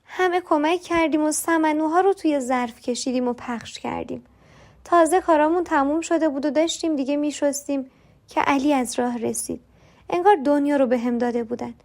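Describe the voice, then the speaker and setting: High-voiced woman telling a personal story. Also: a little mellow. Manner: confiding, voices other characters in dialogue. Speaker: narrator.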